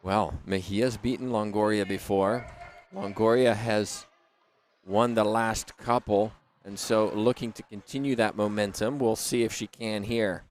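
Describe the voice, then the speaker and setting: A man hosting live racquet sport commentary, speaking in measured, deliberate phrases with pauses. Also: fairly low pitch, fairly even intonation. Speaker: sports commentator and broadcast host. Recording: faint background noise.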